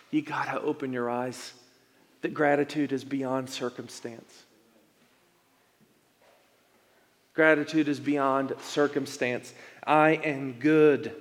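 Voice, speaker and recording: A man in his thirties, a pastor, preaching a sermon as a personal story, moving between loud emphatic lines and soft, intimate ones. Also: medium pitch. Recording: long hall reverb.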